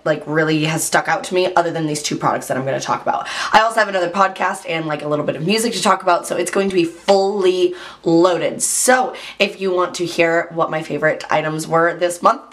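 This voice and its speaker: Hoarse, chatty woman beauty vlogger. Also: fairly low pitch, a bit bright. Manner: chatty, fillers like "like", throat clearing. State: hoarse from losing her voice. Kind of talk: casual chat.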